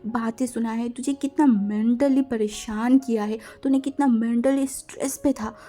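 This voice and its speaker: A woman voicing a calm, possessive older husband who speaks softly and slowly, in a read-aloud fan story. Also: fairly high pitch, close to an everyday voice. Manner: soft, hushed and slow in long speeches. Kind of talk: storytelling with acted dialogue.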